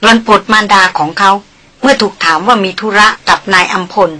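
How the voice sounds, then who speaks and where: A woman reading a novel aloud in measured scripted narration. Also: mid-range voice, bright, forceful tone. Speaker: audiobook narrator.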